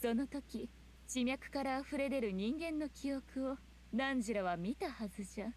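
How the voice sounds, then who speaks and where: High-voiced, regal teasing shrine spirit. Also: female voice, measured pace, a little mellow, a little hiss or hum. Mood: composed explaining. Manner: haughty, composed, archaic noblewoman phrasing. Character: regal, teasing female fox shrine spirit, archaic speech. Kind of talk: video game voice acting.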